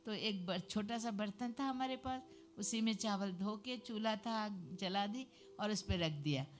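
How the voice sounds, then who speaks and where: A woman giving her personal testimony to a church congregation, telling the story in a lively way with emphatic hallelujahs. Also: mid-range voice, unhurried, faint music behind.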